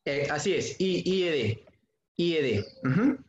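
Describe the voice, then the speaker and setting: Male schoolteacher on a video call, patient and repetitive, slightly high voice, echoey lo-fi audio. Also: lively intonation, unhurried. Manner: patient, repeats key points often; asks students questions by name. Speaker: secondary school English teacher. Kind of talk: online class lesson. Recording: dull, echoey room sound.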